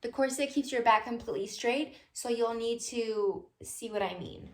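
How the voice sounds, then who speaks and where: A woman's voice: on the high side, moderate pace, slight background noise. A woman vlogging casually at home, answering viewer questions in a chatty, playful way with loose tangents and asides. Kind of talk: casual chat.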